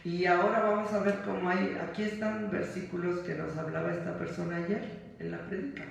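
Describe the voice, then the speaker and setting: Female pastor, Mexican accent, fervent sermon, gravelly voice, distant echoey church hall. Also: lowish voice, little pitch movement, a little fast. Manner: fervent, questioning the listeners.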